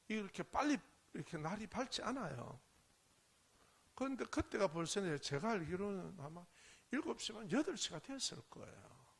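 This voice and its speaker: A male pastor preaching a sermon as a personal testimony, telling his story dramatically and swinging between hushed whispers and loud bursts. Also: sits high, creaky.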